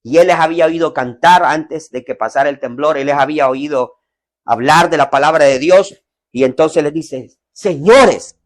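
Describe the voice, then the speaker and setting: A man preaching an evangelistic sermon in a family home, addressing online listeners, swinging from loud, slow lines down to hushed ones. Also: fairly high pitch. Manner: dynamic preaching, swells loud then drops to near whisper.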